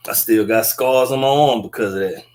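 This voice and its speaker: A man's voice: mid-range voice, a little fast, darkish tone. A man, a guest comedian talking in a laid-back, slangy way over a webcam video call from an indoor room. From Texas. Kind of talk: casual interview chat.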